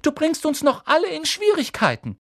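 A man's voice: very high voice, huge pitch swings, normal speed, creaky, a bit bright, no echo, clean studio sound, voice pushed up, exaggerated voice. A man voicing Hermine Granger, an anxious, bossy schoolgirl scolding urgently.

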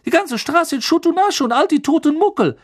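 An audiobook reader voicing an excitable, gossipy young male bus conductor who tells a story dramatically and keeps asking for agreement. The reader pushes the voice up and gives it extra force. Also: high-pitched, brisk, pitched above the performer's own voice. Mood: gossipy, dramatic. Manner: dramatic, chattering, eager for agreement. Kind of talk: audiobook character voice.

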